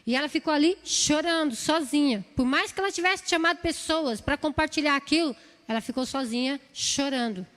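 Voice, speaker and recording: A woman with a São Paulo Brazilian accent delivers a sermon in a church hall. Her voice sits high, and she pleads earnestly, circling back over the same phrases. A long reverb trails each line across the room. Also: brisk, a bit bright. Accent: Brazilian Portuguese, São Paulo. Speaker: preacher.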